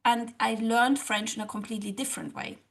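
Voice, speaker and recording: A social psychologist and language coach from Germany, German being her first language, speaks a little fast in a high, gravelly voice during an interview where she's the guest. She's earnest and animated, frequently acting out her past thoughts.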